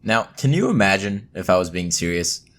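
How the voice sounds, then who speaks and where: Animated young man giving gaming commentary. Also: sits low, brisk. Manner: animated, mock-excited, sarcastic asides. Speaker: gaming YouTuber. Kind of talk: opinion commentary.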